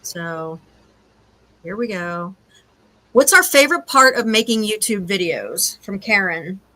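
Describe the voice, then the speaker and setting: A woman co-hosting a casual live stream chat from home, chatty and quick to laugh. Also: mid-range voice, animated, pushed and bright. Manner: chatty, laughs often, says y'all. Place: home with cats nearby.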